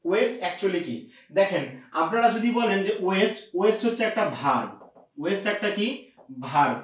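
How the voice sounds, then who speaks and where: A man's voice: high-pitched, sing-song, brisk. A man teaching an English grammar lesson, explaining step by step and often asking his students rhetorical questions. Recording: echoey distant lo-fi room sound.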